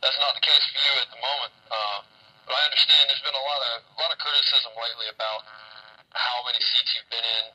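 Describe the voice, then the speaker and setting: A man asks relaxed, easygoing questions on a poor-quality recording. His voice is sharp and very bright but husky, and he sounds set back from the microphone. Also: mid-range voice, fast, far from the mic. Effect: poor-quality recorded audio. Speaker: interviewer. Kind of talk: casual interview. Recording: poor-quality audio, voice off-mic.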